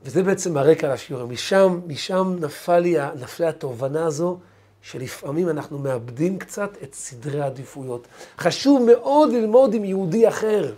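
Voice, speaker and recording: A man's voice: high voice, warm tone, slightly rough. A male rabbi giving a sermon, telling a story emphatically and often repeating his words.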